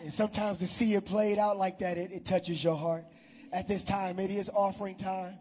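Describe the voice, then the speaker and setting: A middle-aged pastor, handheld mic in a large church hall, leads a prayer and gives announcements, shouting animatedly to the congregation. His voice sits high, his pace is normal, and there's a little hiss or hum in the recording.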